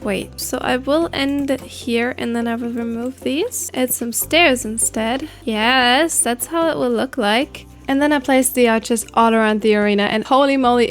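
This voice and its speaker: A young woman with a German accent and a stuffy morning nose, chatting casually and giggling as she narrates her building game. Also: a little high. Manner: chatty, giggly, thinking aloud. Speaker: Minecraft YouTuber.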